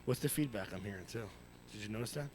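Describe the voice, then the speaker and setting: A man hosting a live podcast from an office, joking loudly and cursing often. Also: lowish voice, fast, slight background noise. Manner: loud, joking, profane. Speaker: podcast host. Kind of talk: casual live podcast chat. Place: office studio. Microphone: headphones and studio mic.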